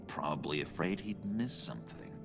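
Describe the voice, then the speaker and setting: An actor playing a playful, mischievous young man with a gravelly voice and giggly, swooping delivery in a video game. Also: low voice, lively intonation, moderate pace. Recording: game audio with music behind.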